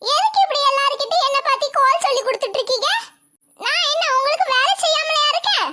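A woman voicing a scheming, sharp-tongued young daughter-in-law in a cartoon, with a southern Tamil Nadu accent. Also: extremely high pitch, animated, fast. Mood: indignant. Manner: indignant, argumentative. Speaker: cartoon creator voicing characters.

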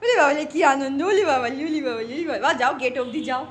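High, doting woman in baby talk. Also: lively intonation, fast talker, a little hiss or hum. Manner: sing-song, doting, repeats phrases. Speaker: vlogger talking to her pet dog. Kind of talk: baby talk to a pet dog. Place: home.

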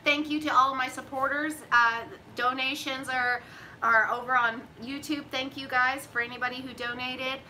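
Bright-voiced woman hosting live. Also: high voice, little pitch movement, moderate pace, slight background noise, rough recording. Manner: chatty, folksy, drawls "y'all". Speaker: keto cooking host. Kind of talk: casual live-stream chat. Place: home kitchen. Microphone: phone camera at arm's length.

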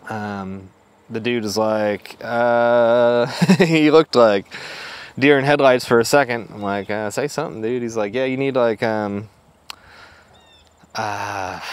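A laid-back man recounting a travel mishap in loose, casual chat. He fills his telling with "uh" and "like", swears freely and breaks into short laughs. His voice sits at an ordinary middle pitch. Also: clean tone. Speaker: travel show host. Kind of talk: casual storytelling.

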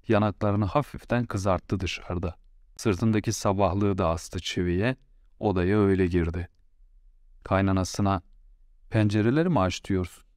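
A man narrating an audiobook story in a measured, unhurried way. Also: sits low, a little mellow, no room sound, clean studio sound.

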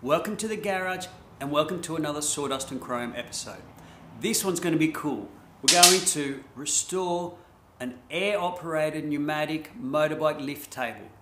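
A man's voice: on the high side, normal speed, roomy sound, background noise. A middle-aged Australian man hosting a casual DIY vlog from his home garage, laid-back and chatty with plenty of ums. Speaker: host.

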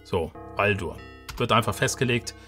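Ein Mann, der locker und laut denkend ein Spiel im Livestream kommentiert, mit vielen Ähs. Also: male voice, on the low side, normal speed, bright, forceful tone, faint music behind. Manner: chatty, hesitant fillers, thinking aloud. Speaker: let's player, livestream host. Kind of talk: casual live gameplay commentary.

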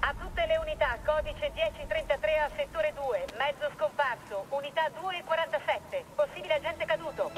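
A man's voice: very high-pitched, normal speed, few pauses, poor audio. An actor playing a male police dispatcher heard over a police radio, reading out unit codes in a clipped way. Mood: urgent. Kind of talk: dubbed video game dialogue.

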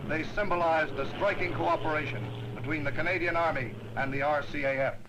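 Old newsreel male announcer, slightly high voice, brisk roll-call delivery, band music loud behind. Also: fairly even intonation, rough recording. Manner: brisk, ceremonial announcing of names and honours. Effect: old 1940s newsreel sound. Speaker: newsreel narrator. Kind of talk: 1940s newsreel narration.

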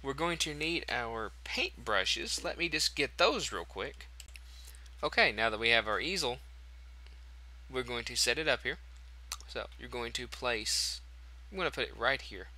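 A man's voice: medium pitch, sing-song, a little slow, pushed and bright. A man hosting a casual game tutorial, chatty and thinking aloud as he corrects himself. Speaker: tutorial host.

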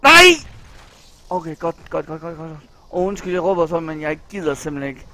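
Dansk accent, spilkommentator, nervøs mumlen, pludselige råb, lys stemme. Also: male voice, on the high side, fairly even intonation, no echo. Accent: Danish. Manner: anxious, talks to himself, bursts into yelling. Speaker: gaming channel host. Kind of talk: live gameplay commentary.

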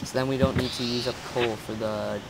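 Gravelly gamer guy, hissy recording. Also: mid-range voice, fairly even intonation, brisk. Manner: easygoing, narrates what he is doing while playing. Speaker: player in a game series. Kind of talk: casual gaming chat.

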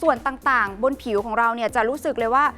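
สาวขายของสดพูดเร็ว เสียงสูงสดใส สำเนียงไทยกลาง. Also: female voice, on the high side, fast talker, pushed and bright, faint music behind. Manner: polite, emphatic, persuasive saleswoman talk. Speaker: home shopping TV presenter. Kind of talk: fast, hype live selling pitch.

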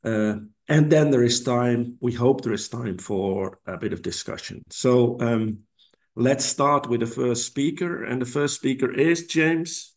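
A man moderating a webinar over a video call, speaking haltingly with many fillers. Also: mid-range voice. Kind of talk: hosting a webinar.

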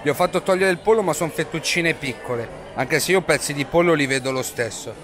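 Chatty young man in a loud restaurant. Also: fairly high pitch, fairly quick. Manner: chatty, jokey, addresses viewers directly. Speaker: travel food vlogger. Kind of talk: casual vlog talk to camera. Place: busy restaurant in a shopping mall. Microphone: small handheld camera mic at arm's length. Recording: noisy crowd and music behind. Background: loud crowd chatter and music.

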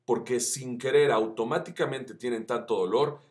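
A man teaching voice acting, chatty and encouraging, who demonstrates shouts that climb up the pitch scale. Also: normal speed. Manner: addresses viewers as friends, chatty and encouraging. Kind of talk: tutorial.

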